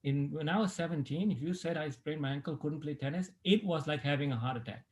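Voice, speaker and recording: Here a middle-aged Malaysian man who works as a sports medicine doctor recounts his life as an interview guest, talking fast in a slightly high voice. He stays relaxed throughout, frequently using fillers and starting sentences over.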